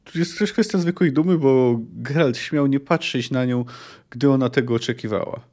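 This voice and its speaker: A man's voice: medium pitch, normal speed, a little mellow. A man hosting a book podcast who summarizes and discusses a novel chapter, talking hesitantly with frequent filler sounds. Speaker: podcast host.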